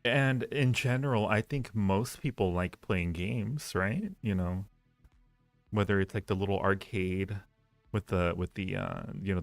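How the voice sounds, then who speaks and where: A low-voiced, creaky man hosts a livestream, chatting casually with viewers and rating ideas. He's in a roomy space with an echo, and faint music plays behind him.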